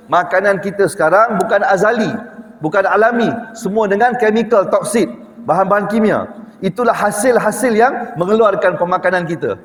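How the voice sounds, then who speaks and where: A middle-aged man giving an evening lecture in a mosque, talking animatedly and putting rhetorical questions to his listeners. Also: high-pitched. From Malaysia. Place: mosque prayer hall. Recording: echoey mosque hall reverb.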